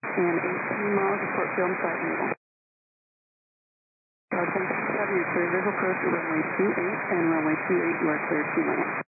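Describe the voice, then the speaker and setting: A woman's voice: on the low side, steady tone, brisk, narrow, tinny audio. A woman working as an air traffic controller, giving composed, courteous procedural instructions over the radio.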